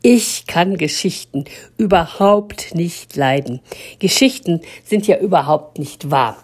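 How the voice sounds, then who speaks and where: A woman's voice: on the low side, expressive, slow pace, a little mellow, slightly rough, exaggerated voice. A woman voicing a grumpy man who rants indignantly against stories. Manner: indignant, ranting.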